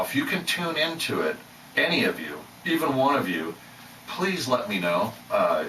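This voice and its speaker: A man's voice: lowish voice, pushed and bright, reverberant, distant mic, low-quality recording. Host, man, restless self-doubting talker, set back from the mic with a faint room hum. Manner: rambling, self-doubting, many restarts. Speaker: channel host. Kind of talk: rambling casual monologue.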